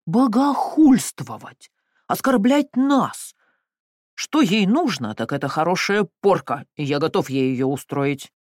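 Reader doing a stout old uncle in a temper, wheezy growl, slow and loud, audiobook. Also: medium pitch, big pitch swings, dry recording, studio quality. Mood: furious. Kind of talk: audiobook reading.

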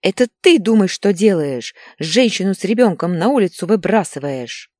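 A woman's voice: sits low, big pitch swings, brisk, a little mellow, slightly rough, no room sound, studio quality, exaggerated voice. A woman voicing a desperate young mother who screams shrilly and tearfully. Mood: hysterical.

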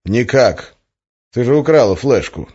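A man's voice: medium pitch, animated, measured pace, darkish tone, husky, voice pushed up. A man voicing a tired, irritable grown magician in an audiobook, speaking curtly with a grumbling edge. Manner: curt, grumbling, flaring into outbursts. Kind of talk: audiobook character voice. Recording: slightly muffled lo-fi recording.

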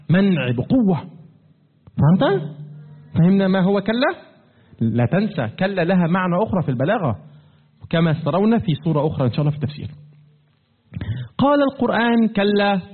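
A man teaching a religious lesson, asking his listeners questions and repeating them, his pitch swinging up and down as he slows to stress key words. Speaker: teacher of Quran commentary. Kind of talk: classroom-style religious lesson. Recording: tinny phone-like lo-fi recording.

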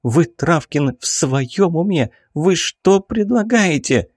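A willful young noblewoman, proud and impassioned, as a male narrator raises his voice to play her. She stretches her exclamations out in an imperious, lilting line. The voice is lifted high above his usual register, in a dry close recording. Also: animated, slow, darkish tone, no echo. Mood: indignant. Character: young baroness, headstrong, passionate, haughty. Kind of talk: audiobook character voicing.

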